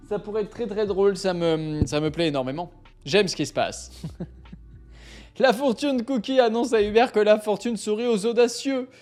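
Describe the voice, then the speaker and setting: A man's voice: high-pitched, a little mellow. A man hosting a live stream, chatting casually and playfully, often laughing as he reads out suggestions. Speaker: livestream host.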